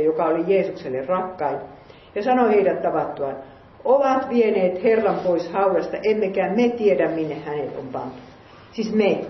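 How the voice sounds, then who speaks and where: A woman reading scripture aloud and musing on it in an earnest sermon, asking her listeners questions. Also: medium pitch. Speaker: lay preacher. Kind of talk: Bible reading with sermon commentary. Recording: roomy, muffled recording.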